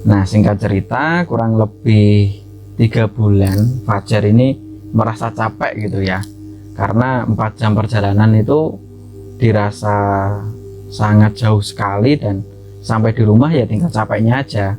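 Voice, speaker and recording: A man's voice: lowish voice, unhurried, darkish tone, faint music behind. A man hosting a horror story channel, narrating a submitted story in a chatty, loose way with frequent fillers and asides.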